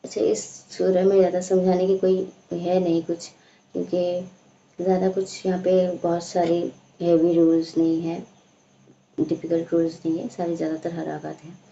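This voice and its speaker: A woman teaching a slow, patient recitation lesson, explaining each sound and stretching out the recited words. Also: fairly low pitch, level tone, vocal fry, warm tone. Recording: echoey room, dull lo-fi sound.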